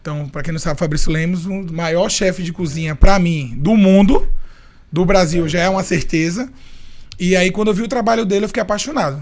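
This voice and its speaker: A young man from Recife, a chef and podcast guest, telling his story in a playful, expressive and talkative way. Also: high-pitched, brisk, a little hiss or hum. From Recife, Brazil. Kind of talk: casual interview storytelling.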